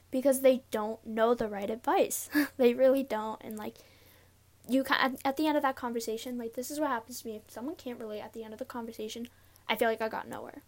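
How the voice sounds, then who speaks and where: A young woman speaking casually and confessionally as a podcast host, halting and giggly with nerves, recorded sitting in a closet. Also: fairly high pitch. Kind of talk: casual confessional solo talk. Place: inside a closet, sitting on a pillow.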